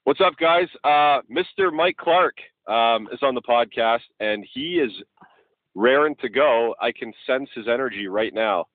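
A man's voice: mid-range voice, measured pace, no echo. A man about forty hosting a podcast, chummy and hesitant with many restarts. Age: 30s. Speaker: podcast host. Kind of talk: casual podcast chat. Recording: dry, tinny phone-like sound.

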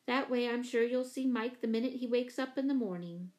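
A kind, sensible mother from a storybook, gentle yet firm with her children, voiced by a woman reader whose voice sits fairly high. She speaks with calm, careful warmth. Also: brisk, close to an everyday voice. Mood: kindly.

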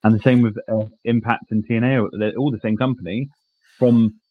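A man's voice: fairly low pitch, steady tone, fairly quick. A man co-hosting a casual discussion in a conciliatory way with hesitant phrasing, heard over a tinny line. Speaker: podcast co-host. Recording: dry, tinny phone-like line.

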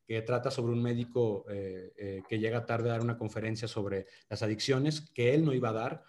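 With a medium-pitched, slightly mellow voice at a moderate pace, a man in his thirties from Monterrey chats on a podcast as a guest. His northern Mexican accent is clear, and his casual interview talk brims with restarts and fillers, sincere at first before he starts joking.

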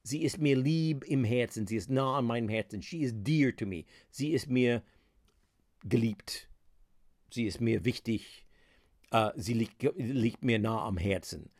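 A man's voice: medium pitch, a little slow, a little mellow, no echo, studio quality. A man hosting a podcast language lesson, explaining words patiently with many hesitant fillers. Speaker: podcast host teaching English. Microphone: podcast microphone.

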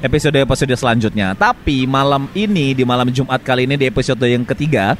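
Conversational man podcaster, mid-pitched. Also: fast talker, a little hiss or hum. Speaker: podcast co-host. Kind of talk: casual chat, hosting.

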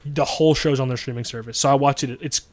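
A man's voice: mid-range voice, fast talker, dry recording. A man in casual podcast chat, rambling and swearing as he talks. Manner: profane, rambling and animated.

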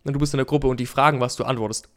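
A man's voice: mid-range voice, fairly even intonation, racing. A young man in casual podcast chat, rambling and tagging lines with "weißt du". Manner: rambling, keeps adding "weißt du".

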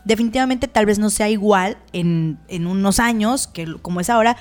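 Chatty Mexican mom co-host. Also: female voice, medium pitch, a little mellow. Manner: chatty, quick interjections. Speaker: podcast co-host, mother. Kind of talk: casual podcast chat.

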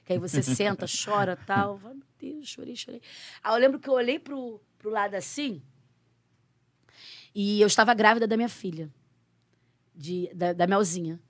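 A Brazilian woman missionary sharing her faith story in a conversational interview, acting out quoted dialogue and turning soft when confessional. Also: mid-range voice, moderate pace, pauses often. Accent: Brazilian Portuguese. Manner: expressive storyteller who acts out quoted dialogue.

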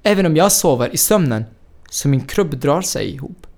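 Gravelly young man. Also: a little high. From Syria. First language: Arabic. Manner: animated, laughing storyteller with broken Swedish. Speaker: guest. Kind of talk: storytelling interview.

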